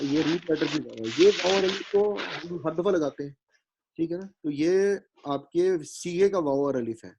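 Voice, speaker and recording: This grammar teacher's voice sits on the high side with a dark tone, and a little hiss or hum lingers in the recording. He spells out vowel marks slowly, explaining patiently, frequently making sure students keep up, with some English words thrown in.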